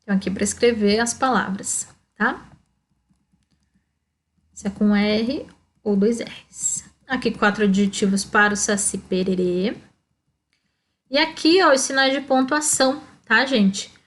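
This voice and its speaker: A Brazilian woman teaching a primary school lesson, explaining step by step and checking in with "tá?". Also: medium pitch. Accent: Brazilian Portuguese. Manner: slow, explaining, frequent "ó" and "tá?".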